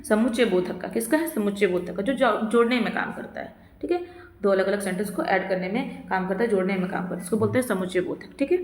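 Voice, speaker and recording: A woman with a Jharkhand accent teaching an exam-prep lesson. She reads each question slowly, then answers it herself, often adding "theek hai". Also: on the high side. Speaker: exam tutor. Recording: echoey roomy reverb.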